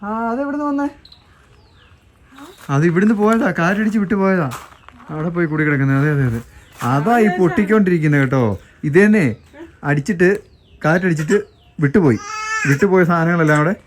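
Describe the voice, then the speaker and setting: A woman's voice: fairly low pitch, animated, a little fast, long pauses. A woman chatting casually in a home vlog, teasing and coaxing small children outdoors and then inside the house. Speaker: family vlogger.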